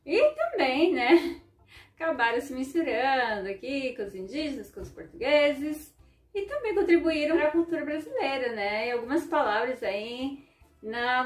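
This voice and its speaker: A woman with a Ukrainian accent and a high, light voice gives an educational talk, tagging her points with a questioning 'né?' and slowing down to read out lists of words. She sounds set back from the mic in an echoey room. Soft music plays underneath. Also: far from the mic. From southern Brazil. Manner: explanatory, tags sentences with frequent 'né?', reads out word lists slowly.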